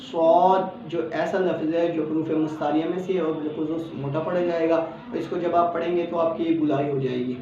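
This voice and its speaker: A man's voice: a little high, steady tone, mellow. Pakistani man teaching letter sounds, echoey. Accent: Pakistani Urdu. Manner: patient, explains each letter then models it slowly. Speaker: Quran recitation teacher. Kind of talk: step-by-step pronunciation lesson. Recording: echoey, distant, dull lo-fi sound with faint background hum.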